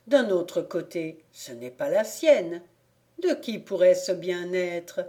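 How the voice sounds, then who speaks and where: A man's voice: high-pitched, animated, slow pace, mellow. A woman doing Chub, a grumbling old peasant. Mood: muttering. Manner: muttering to himself, suspicious. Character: grumbling old peasant man, sly and stubborn.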